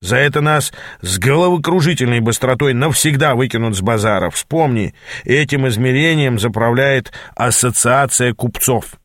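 A man's voice: mid-range voice, lively intonation, normal speed, a bit bright, no room sound, studio quality, lightly acted. A man voicing a short-tempered male demon mentor who growls and snaps in exasperation. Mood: weary.

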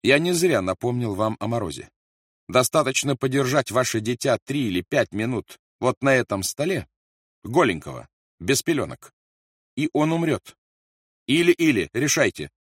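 A man voicing a ruthless, volatile wartime interrogator who shouts threats. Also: mid-range voice, sing-song, normal speed, husky, dry recording, clean studio sound, voice pushed up. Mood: menacing.

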